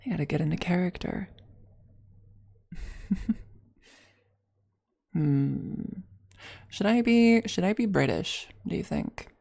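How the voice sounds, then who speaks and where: Young woman, ASMR streamer, unhurried easy chat, low voice, thinks out loud, swears casually. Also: expressive, gravelly. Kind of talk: casual stream chat, planning a role-play with chat.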